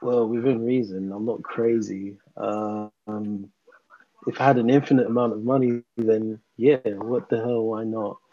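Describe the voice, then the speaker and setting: A man's voice: on the low side, fairly even intonation, unhurried, dry recording, dull audio. A man talking casually in a panel discussion, laid-back and rambling with lots of fillers. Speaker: podcast co-host.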